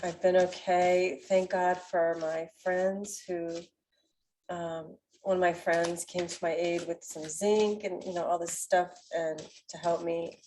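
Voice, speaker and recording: A woman with a nasal, stuffy voice, giving a spiritual card reading in a gentle, meandering way with many pauses. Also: on the low side, flat delivery, a little hiss or hum. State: sick with a cold. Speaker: oracle card reader.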